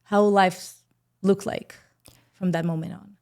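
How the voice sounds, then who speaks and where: A woman with an Israeli accent hosting a podcast, asking gentle, probing questions of her guest. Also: mid-range voice, fairly even intonation, slow. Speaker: podcast host. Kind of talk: interview conversation.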